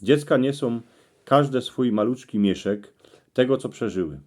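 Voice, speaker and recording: A man with a Cieszyn Silesian accent presenting a reflective, folksy monologue in regional dialect, told in a measured storytelling way. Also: medium pitch, darkish tone. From Cieszyn Silesia, Poland. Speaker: YouTube channel presenter.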